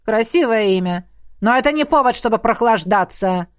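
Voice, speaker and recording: Female reader as burly male trainer; gruff, shouting commands, fairly high, dry studio sound. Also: moderate pace, no room sound, lightly acted. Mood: barking. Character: gruff burly male academy coach, bossy and loud. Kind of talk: audiobook character voice.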